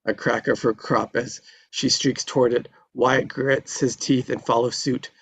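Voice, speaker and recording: A man serves as narrator at a live table read, describing the screenplay's stage directions in a storytelling manner. His mid-range voice is flat and a little slow. The audio is dull and lo-fi, with a trace of noise.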